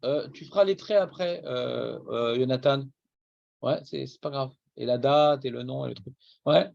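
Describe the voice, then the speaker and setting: A man with an Iranian accent teaching a Talmud lesson to a class, brisk and teasing, scolding students. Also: medium pitch, gravelly, no echo, lo-fi sound.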